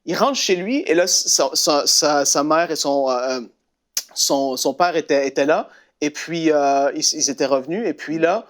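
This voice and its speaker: Animated Québécois man telling a story. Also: on the high side, a little slow. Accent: Québécois French. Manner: animated, lots of fillers and restarts, breaks into laughter. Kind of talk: casual storytelling of a testimony.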